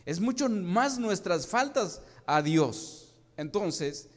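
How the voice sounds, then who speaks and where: A man's voice: sits high, big pitch swings, slow. A man preaching a sermon to his congregation, often asking them questions and restarting his phrases. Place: church hall. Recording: long hall reverb.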